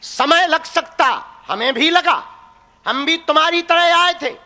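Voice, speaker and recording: A man's voice: very high voice, sharp tone, long reverb tail. A man preaching a devotional sermon to a crowd, teasing and blunt, speaking straight at his listeners. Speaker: spiritual preacher.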